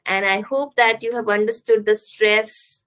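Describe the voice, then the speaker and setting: A woman teaching an English pronunciation lesson, repeating example sentences with deliberate, exaggerated stress. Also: medium pitch, fairly even intonation, a bit bright.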